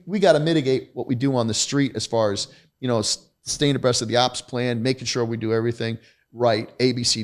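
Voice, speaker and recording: Middle-aged male guest, gravelly voice, candid, emphatic storyteller. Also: medium pitch. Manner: emphatic, blunt, self-deprecating. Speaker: podcast guest, retired federal agent.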